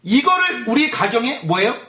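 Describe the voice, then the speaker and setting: A man's voice: extremely high pitch, big pitch swings, moderate pace, echoey room, a crowd in the background. A male pastor giving a Sunday morning sermon in a church, firing rhetorical questions at the congregation. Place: church sanctuary.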